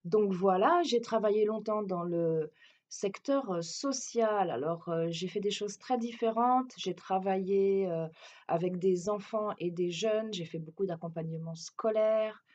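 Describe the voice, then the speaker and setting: A woman's voice: mid-range voice, a little slow, a little mellow, highs cut off. A French woman who teaches French gives a hesitant, explanatory self-introduction with a French accent, often restarting her sentences. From France.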